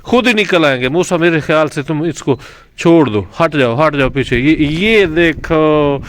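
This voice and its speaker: A man's voice: fairly high pitch, expressive, unhurried. A man hosting a casual pet vlog at an outdoor bird enclosure, instructing a boy as he narrates. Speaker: vlog host.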